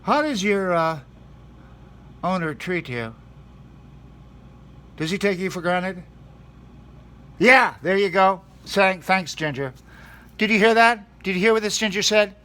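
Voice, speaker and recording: A man's voice: sits high, lively intonation, a little slow, pauses often, bright, forceful tone. A man hosting a mock-serious comedy talk show in a studio, earnestly questioning food as if it were a guest.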